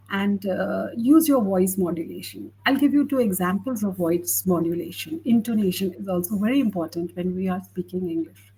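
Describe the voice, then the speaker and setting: A woman English tutor in a conversation, explaining speaking tips to a learner in a measured, advising way. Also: mid-range voice, a little mellow, husky, poor audio. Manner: measured, explanatory, gives advice. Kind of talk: teaching conversation.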